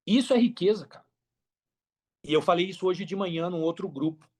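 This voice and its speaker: High-pitched and brisk, this Brazilian man speaks on a podcast in a casual, earnest, conversational tone. He keeps repeating phrases for emphasis in a motivational way.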